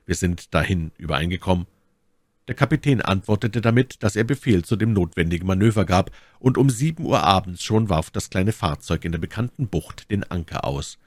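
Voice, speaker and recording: A man narrating a classic novel as an audiobook, with an expressive, theatrical reading. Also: fairly low pitch, brisk, hardly any pauses, no echo. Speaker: audiobook reader.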